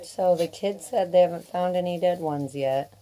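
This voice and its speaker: A woman chatting casually as she films her family farm outdoors on a handheld phone, gentle with the animals. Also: fairly low pitch, moderate pace. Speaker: homesteader filming family farm. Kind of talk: casual narrated farm vlog. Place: outdoors on a farm, in a small livestock shelter.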